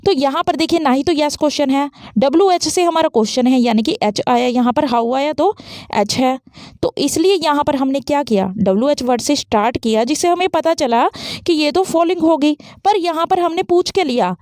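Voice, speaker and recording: A woman teaching an English grammar lesson at a fast pace, explaining step by step and asking and answering her own questions. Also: high voice, a little mellow, no echo, studio quality.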